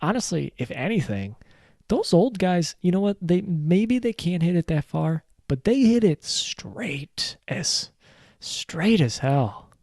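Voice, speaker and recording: Male host, casual rambling monologue with profanity and jokes; talks slowly, dry studio feel. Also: high-pitched, very animated, vocal fry, darkish tone, dry recording. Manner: rambling, joking, swears casually. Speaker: podcast host. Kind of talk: casual solo rant.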